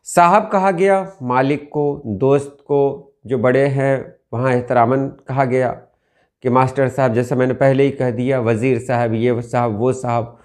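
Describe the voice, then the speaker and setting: Slow, deliberate teacher, a man. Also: medium pitch, steady tone, darkish tone. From India. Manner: slow, deliberate, repeats key words. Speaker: Urdu language teacher. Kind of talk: explaining word meanings from dictionaries.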